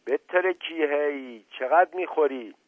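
A man's voice: on the high side, no room sound, pitched above the performer's own voice, natural voice. An irritable village man complains in exasperation, as a man puts him on. The recording is narrow and dry, like a phone line. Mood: exasperated.

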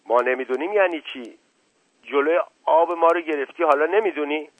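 A man's voice: on the high side, no echo, voice pushed up, natural voice. A man doing an indignant, hot-tempered colonel. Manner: excited, accusing, raised voice. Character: indignant middle-aged male colonel, quick-tempered. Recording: narrow phone-like sound.

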